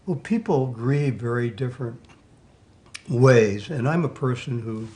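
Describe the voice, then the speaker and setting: A man's voice: mid-range voice, animated, unhurried, warm tone. A bereaved father speaking heartfelt words in a documentary interview.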